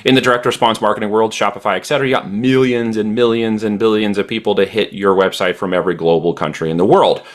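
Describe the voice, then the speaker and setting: Deep-voiced man explaining business strategy. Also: steady tone, quick pace, hardly any pauses. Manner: confident, emphatic business talk with frequent fillers. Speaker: e-commerce entrepreneur guest. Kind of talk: podcast interview answers.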